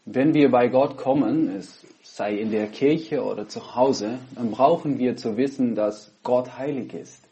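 This earnest online sermon and prayer comes from a Dutch man, a pastor using German with a Dutch accent, recorded at his laptop at home over a headset. He pauses often between phrases. His mid-range voice has a dark tone, and the highs are cut off.

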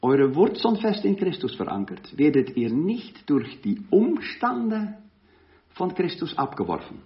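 Slow, animated preacher man. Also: fairly high pitch. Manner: slow, emphatic, swelling to loud stresses. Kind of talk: sermon. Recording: dull lo-fi recording.

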